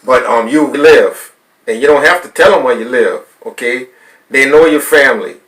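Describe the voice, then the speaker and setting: A man's voice: mid-range voice, expressive, normal speed, fairly bright tone, reverberant, poor audio. A man who works as a corrections officer, speaking as a guest in casual chat, cursing and repeating himself.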